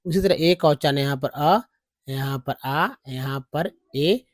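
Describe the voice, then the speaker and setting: Hindi-speaking man teaching vowel sounds slowly. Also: fairly high pitch, no echo, studio quality. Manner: repeats letters and sounds slowly, checking in with "है ना?" and "ठीक है?". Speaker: English teacher. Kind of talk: Hindi lesson on English vowel pronunciation.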